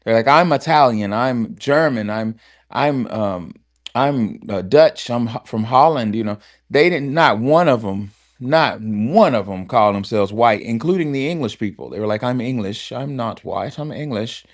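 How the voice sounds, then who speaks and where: A man's voice: mid-range voice, normal speed. Blunt male host. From Alabama, USA. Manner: animated and blunt, with frequent restarts and swearing. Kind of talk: casual talk-show chat.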